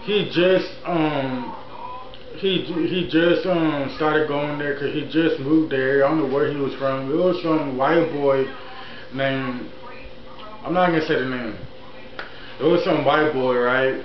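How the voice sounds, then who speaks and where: A man in his early twenties telling a personal story in a casual, rambling vlog style, often repeating himself. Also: medium pitch. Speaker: YouTuber, channel host. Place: indoor room at home, TV on. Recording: echoey room, dull sound, faint noise.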